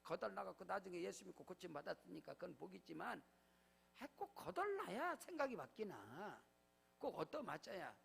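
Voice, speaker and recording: A middle-aged male pastor preaching a sermon in a church, with emphatic swings between low asides and loud proclamations. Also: big pitch swings, normal speed, creaky, slightly rough. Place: church sanctuary.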